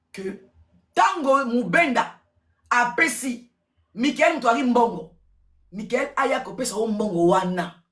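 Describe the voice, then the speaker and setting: A woman giving casual gossip commentary, repeating words and switching languages in an excitable way. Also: mid-range voice. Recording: roomy echo, distant from mic.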